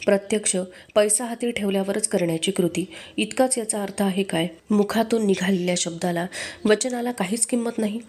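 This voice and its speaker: A woman reading the part of a gentle, trusting male saint in a storybook reading, in an earnest, pleading tone. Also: medium pitch, moderate pace, breathy edge, natural voice. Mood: pained earnest. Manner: earnest, pleading prayer to God.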